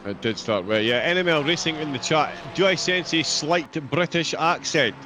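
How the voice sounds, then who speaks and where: A man's voice: fairly high pitch, normal speed. A man with a broad, thick Scottish accent giving conversational live race commentary, taking care to enunciate. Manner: careful to enunciate. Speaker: sim racing commentator. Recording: clear engine and car noise behind. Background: race car sounds.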